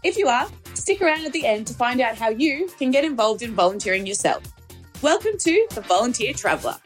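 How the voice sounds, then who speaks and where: A woman's voice: fairly high pitch, big pitch swings, a little fast, soft background music. A woman reading a scripted podcast introduction in an upbeat way.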